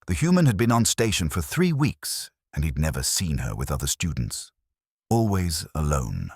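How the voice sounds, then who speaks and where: A man narrating a sci-fi story in a measured, dramatic storytelling manner. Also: a bass voice, big pitch swings, husky, dry recording, clean studio sound.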